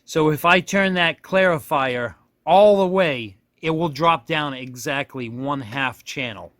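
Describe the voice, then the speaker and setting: A man reviews a radio in a casual, unscripted hands-on demo, folksy and self-deprecating, often rambling and correcting himself along the way. His voice is a little high, a little slow, and fairly bright in tone. The recording is dry with clean studio sound.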